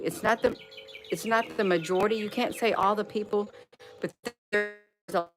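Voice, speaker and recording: A woman's voice: mid-range voice, poor audio. A woman hosting a casual live stream outdoors, talking to viewers in a folksy way and repeating phrases for emphasis. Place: outdoors on a porch. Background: wind chimes and birdsong.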